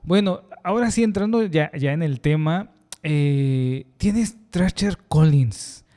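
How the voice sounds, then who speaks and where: A man hosting a podcast, asking questions in a halting way with many fillers. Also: a little high, expressive, dark tone. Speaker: podcast host. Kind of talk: casual interview talk.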